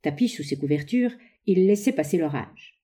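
A woman calmly reading a novel aloud as narrator. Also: on the low side, normal speed, slightly rough. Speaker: audiobook reader.

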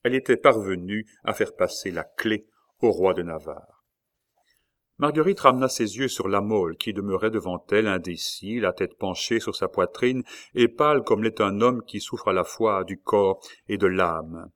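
Low-voiced man reading a novel. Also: moderate pace, a bit bright. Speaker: audiobook narrator. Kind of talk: reading a classic novel aloud.

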